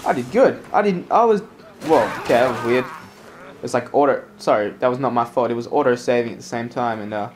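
A man's voice: mid-range voice, a little fast, slight background noise. A man hosting casual gameplay commentary in a sweary, self-deprecating way. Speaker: gaming host.

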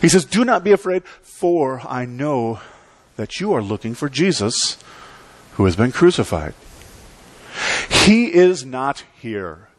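A middle-aged male pastor with a mid-range voice gives an animated sermon at a church pulpit, pausing dramatically and gesturing widely. There is no echo in the recording.

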